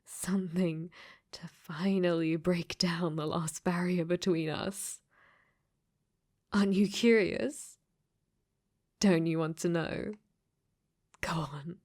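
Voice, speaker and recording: In this intimate ASMR roleplay, she voices a sentient dating sim AI who is clingy and possessive, frequently dropping to a whisper. Her lowish voice is steady and a little mellow, moving slowly with frequent pauses, sly and coaxing throughout.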